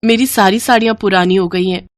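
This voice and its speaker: Storybook meek young bride, soft and timid, quiet voice, read by a woman. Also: mid-range voice, steady tone, a little fast, no room sound, clean studio sound, natural voice. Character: meek, gentle young poor daughter-in-law.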